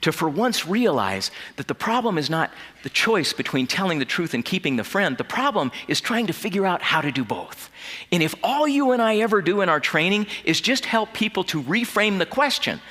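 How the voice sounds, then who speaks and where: A man giving an earnest storytelling keynote as a corporate trainer, dropping to a hushed voice at emotional moments. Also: high voice, big pitch swings, normal speed. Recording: long reverb of a large hall.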